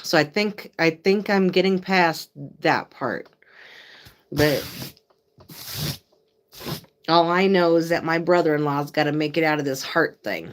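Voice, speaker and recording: A woman's voice: deep voice, a little slow, pauses often. An older woman hosting a casual live stream, laughing often and chatting with her dog and viewers. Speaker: livestream host.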